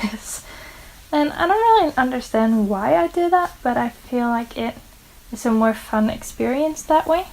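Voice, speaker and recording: Her voice is a little high and a little mellow, captured on a low-quality recording. She's a twenty-one-year-old book vlogger from Norway whose first language is Norwegian, casually and earnestly telling the camera about her reading habits in English and running through personal facts.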